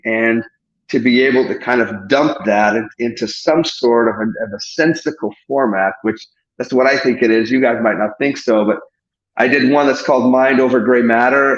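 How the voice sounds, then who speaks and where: A Portuguese man speaks as a therapist guest on an enthusiastic podcast interview, effusive and expansive, often restarting and correcting himself. His voice sits in the mid range, and the recording sounds roomy and lo-fi.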